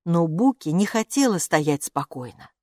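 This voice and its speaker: A woman reads a children's storybook aloud with an expressive, lively voice that rises and falls through each sentence. The sound is dry and close, with no room around it. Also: on the low side, moderate pace, dry recording. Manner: expressive, even-paced reading. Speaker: audiobook narrator. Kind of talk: storybook narration.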